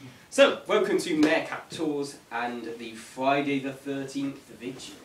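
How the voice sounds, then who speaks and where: A man's voice: mid-range voice, a little slow. A man giving an informal briefing to a group as a tour guide, with a wry, dryly humorous and slightly mock-formal manner. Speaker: ghost tour guide leading a vigil. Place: indoors in an echoey room. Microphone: camera mic at a distance. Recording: echoey room, distant mic, faint noise.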